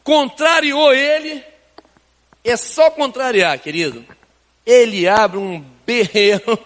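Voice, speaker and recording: An older Brazilian-accented pastor preaches in a chatty, down-to-earth way, tossing in rhetorical questions. His voice sits quite high for a man. The sound carries the long reverb of a church hall. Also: expressive, slow. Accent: Brazilian Portuguese. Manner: conversational preaching, rhetorical questions, colloquial asides. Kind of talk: sermon. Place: church sanctuary.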